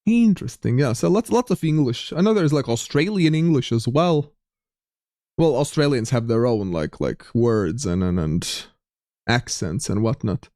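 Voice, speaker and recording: Here the Latvian-accented young streamer sounds mid-pitched with a darker tone, lively in intonation at normal speed. He chats casually over a geography game, reading viewers' messages out loud and frequently starting sentences over. The recording is dry and studio-clean.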